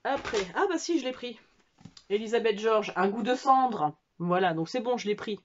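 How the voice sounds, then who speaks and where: A woman's voice: fairly high pitch, expressive, moderate pace, highs cut off, slight background noise. A French woman chatting casually at home about books she bought, hesitant with many fillers and restarts. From France. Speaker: book vlogger. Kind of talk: casual book haul chat.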